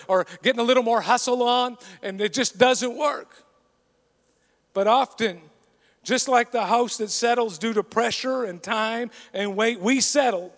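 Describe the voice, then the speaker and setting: A man's voice: very high voice, a bit bright. A man preaching a sermon in an earnest, conversational storytelling way. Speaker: pastor. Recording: long reverb of a large hall.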